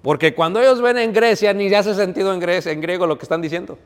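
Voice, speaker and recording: Preacher in a reverberant hall. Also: male voice, high-pitched, fast talker. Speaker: pastor. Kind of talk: sermon.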